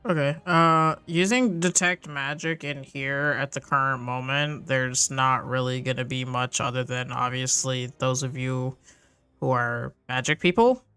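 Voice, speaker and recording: A woman's voice: rumbling low, steady tone, unhurried, fairly bright tone, smooth, soft background music. A woman acting as game master, casually narrating a tabletop roleplaying game.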